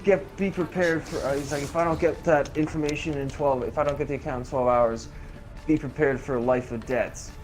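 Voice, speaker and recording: A streamer with a slightly high, steady voice talks a little fast as he recounts something that happened to him during a gaming session. The anecdote is animated and casual, full of slang, swearing and quoted dialogue, over music and video game sounds.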